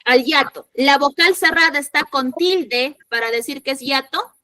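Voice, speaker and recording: A woman teacher explains a grammar point to her class in a high, bright voice. She is patient, goes over each idea more than once and keeps asking whether everyone has followed. The sound is dry and close, with little room echo. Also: normal speed. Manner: patient, repeats points and asks rhetorical check questions; voices imagined student objections.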